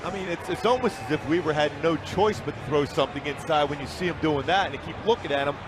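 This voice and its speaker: A man's voice: a little high, quick pace. A man giving conversational colour commentary on a televised baseball game. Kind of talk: conversational live TV sports commentary. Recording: broadcast booth with clear stadium noise.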